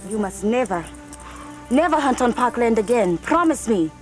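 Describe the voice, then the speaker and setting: A woman plays a firm young park officer laying down the law. Her voice sits high, and every line is commanding. A faint score runs behind her. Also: animated, moderate pace, soft background music, lightly acted. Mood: stern.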